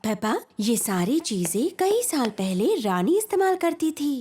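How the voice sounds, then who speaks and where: A woman voicing a patient, gentle mother pig in a children's cartoon, explaining things indulgently. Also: sits high, big pitch swings, measured pace, husky, heavily acted. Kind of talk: children's cartoon dub acting. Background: music.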